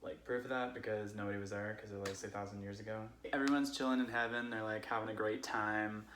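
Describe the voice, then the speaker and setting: Guy doing a tipsy california bro telling stories for laughs, slangy n rambling, lowish voice, roomy echo. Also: steady tone, fast talker, a bit bright, lightly acted. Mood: loose, animated. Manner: slangy, rambling, filler-heavy. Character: casual tipsy young Californian friend rambling Bible stories. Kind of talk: comedic storytelling. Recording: roomy echo, faint background noise.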